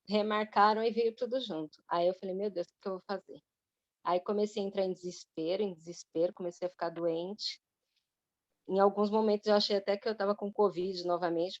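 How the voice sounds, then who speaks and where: A woman's voice: fairly low pitch, dry recording, lo-fi sound. Brazilian woman sharing a testimony. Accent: Brazilian Portuguese. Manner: lively storytelling full of reported speech. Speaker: member of a church women's group. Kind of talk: personal testimony shared with a group.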